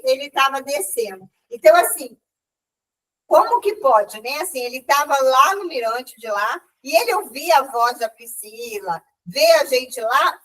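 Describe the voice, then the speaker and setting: A woman with a Brazilian accent gives an emotional testimony at a church meeting, often quoting herself and restarting her sentences. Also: sits high. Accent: Brazilian Portuguese. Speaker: church group member giving a testimony. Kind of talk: animated storytelling testimony. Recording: voice from far off the mic.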